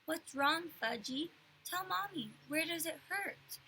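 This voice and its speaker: A woman voicing a mother who fusses over her child in a coaxing, gentle way. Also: very high-pitched, animated, slow pace, slight background noise, pitched above the performer's own voice, exaggerated voice. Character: soothing, fussing mother.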